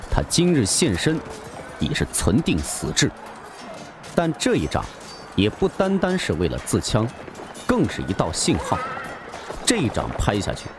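A man narrating a martial-arts novel in a theatrical, suspenseful storytelling style. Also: mid-range voice. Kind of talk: dramatic audiobook narration.

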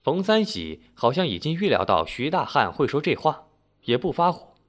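A man telling a village folk story in a lively, expressive narrating style. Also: fairly high pitch, moderate pace.

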